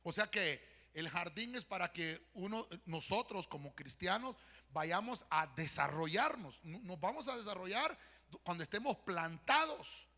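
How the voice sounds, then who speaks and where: A man's voice: high voice, expressive, a little slow, pushed and bright. A male pastor with a Honduran accent preaching a sermon and praying aloud, often calling his listeners "hermano" and asking "¿verdad?" between thoughts. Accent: Honduran Spanish. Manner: addresses congregation as "hermano", frequent "¿verdad?" and "eh" fillers. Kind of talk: sermon with spoken prayer. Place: church sanctuary. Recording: long church hall reverb.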